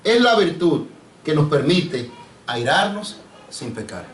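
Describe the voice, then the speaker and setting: Predicador, hombre, sermón, tono alto, grabado a distancia, sala con reverberación, ruido leve de fondo. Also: male voice, a little high, very animated, slow, a little hiss or hum. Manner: preachy, asks the congregation questions, addresses them as brother. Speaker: pastor. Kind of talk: sermon. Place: church sanctuary. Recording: echoey church, mic off at a distance.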